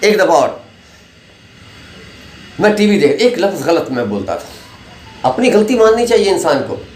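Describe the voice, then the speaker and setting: A man's voice: sits high, big pitch swings, moderate pace, darkish tone. A man, an English teacher giving a chatty classroom lecture full of anecdotes and pronunciation drills. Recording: echoey room with faint noise.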